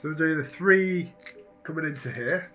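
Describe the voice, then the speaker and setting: A man's voice: fairly high pitch, normal speed, faint music behind. A man playing a tabletop wargame with friends, chatting casually, joking and cheering at his dice rolls. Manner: excitable, jokey, cheers at good dice rolls. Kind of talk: casual chat over a tabletop game.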